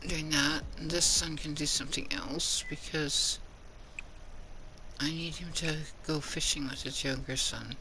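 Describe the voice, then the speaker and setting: A man's voice: fairly high pitch, fairly even intonation, unhurried, bright, forceful tone, slight background noise, low-quality recording. A man casually commenting while he plays a video game, in an offhand, matter-of-fact way. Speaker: game streamer.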